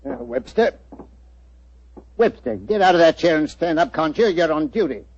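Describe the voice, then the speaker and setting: An English police inspector in a muffled old radio drama. The voice is husky and very animated, full of colloquial bluster and self-assurance. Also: male voice, a little high, normal speed, exaggerated voice. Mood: irritated. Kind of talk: 1940s radio acting.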